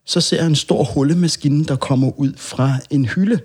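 Husky man telling rambling anecdotes. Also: a little high, a little mellow. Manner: rambling anecdotal, acts out quoted dialogue. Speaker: podcast guest. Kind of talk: casual storytelling chat.

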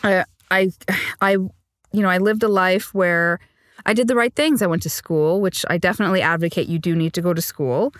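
A woman singer-songwriter speaks earnestly in an interview, with a lowish, smooth, resonant voice. She tells her story reflectively and laughs easily. The sound is dry and close. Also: fairly quick, dry recording. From Sri Lanka. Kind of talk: conversational interview.

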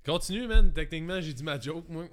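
A man's voice: on the high side, animated, fairly quick, slight background noise. A man with a Quebec French accent, co-hosting a podcast and teasing his co-host in casual chat, often laughing as he talks. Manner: teasing, laughs while talking.

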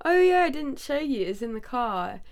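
A woman's voice: fairly high pitch, big pitch swings, normal speed, creaky. A tired young woman co-hosting a casual podcast, chatty and trailing off with questions. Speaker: podcast co-host. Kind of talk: casual chat.

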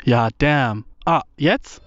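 A man's voice: mid-range voice, drawn-out words, music in the background. A young man vlogging casually outdoors in a windy field, rambling in slang with lots of swearing and English words, recorded on a mobile setup. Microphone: mobile phone setup. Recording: dull, lo-fi phone audio.

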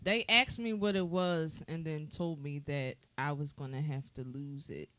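A woman's voice: low voice, steady tone, unhurried, fairly bright tone, no room sound. An American woman talking candidly and emphatically in a casual panel discussion.

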